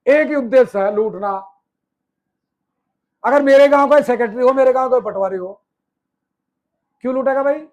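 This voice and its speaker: Guy with a really high voice giving a political speech, asks questions and answers them, repeats stuff for emphasis. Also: darkish tone, muffled recording. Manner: rhetorical questions answered himself; emphatic, repeats phrases in lists. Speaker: movement speaker.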